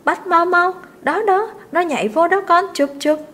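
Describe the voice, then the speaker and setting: A woman's voice: on the high side, animated, moderate pace, close to an everyday voice. Woman playing a harsh scolding rich mistress. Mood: urgent. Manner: scolding, sharp, loud.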